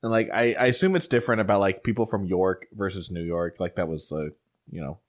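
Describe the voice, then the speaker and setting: A man co-hosting a casual beer podcast, rambling in relaxed chat. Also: low voice, fairly quick. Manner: relaxed, rambling, full of fillers like "like" and "you know". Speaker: podcast co-host.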